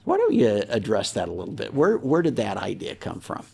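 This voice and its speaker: A man hosting an interview who asks questions in a halting way, often restarting them. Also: fairly low pitch, huge pitch swings, vocal fry, a little mellow, breathy edge. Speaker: interview host. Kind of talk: conversational interviewing.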